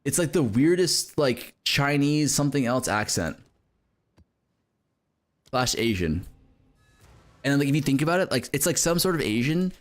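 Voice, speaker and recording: A man's voice: mid-range voice, animated, normal speed, long pauses. A man streaming a game live, chatting casually, cursing and joking while he reads out chat messages.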